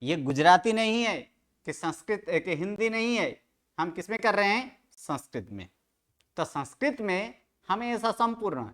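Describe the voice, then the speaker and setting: A man's voice: high voice, fairly bright tone. A man teaching Sanskrit grammar to a study group, quizzing students with questions and correcting their pronunciation. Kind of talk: online study-group lecture.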